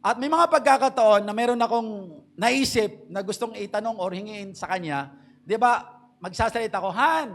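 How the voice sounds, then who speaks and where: High-voiced pastor preaching earnestly. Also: male voice. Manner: slows to stress key English phrases, mixes Tagalog and English. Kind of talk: sermon. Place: church.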